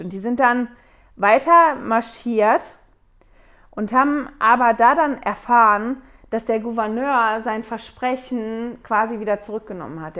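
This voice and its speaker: Woman, casual church study talk, chatty retelling, paraphrases in her own words, middle pitch.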